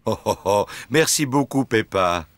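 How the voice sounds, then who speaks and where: A man's voice: lowish voice, animated, unhurried, fairly bright tone, no echo. A man voicing a jolly, good-natured daddy pig in a children's cartoon, with a hearty, jovial manner.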